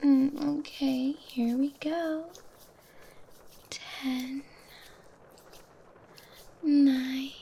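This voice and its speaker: An audio roleplay performer whispers softly and close in an intimate ASMR scene. Her high yet mellow, warm voice stretches each phrase very slowly, breathy and unhurried, with fairly even intonation.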